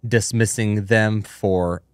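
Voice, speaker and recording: A man's voice: on the low side, steady tone, takes it slowly, clear, resonant tone, no echo, clean studio sound. A man co-hosting a podcast, chiming in casually and adding his own points. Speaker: podcast co-host. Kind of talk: casual conversational chat.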